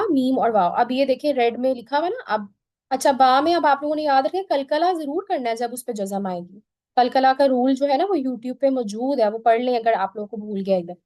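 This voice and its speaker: A woman teaching Quran pronunciation in an online lesson, patiently drilling each sound by repeating it slowly. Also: high-pitched, darkish tone, no echo.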